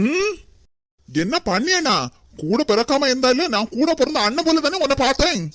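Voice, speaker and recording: A stern cartoon older brother with a Kanyakumari accent, indignant and scolding as he defends his wife, as a woman acts him out. The voice sits a little high and sounds dry and close. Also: big pitch swings, normal speed, dry recording. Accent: Kanyakumari Tamil.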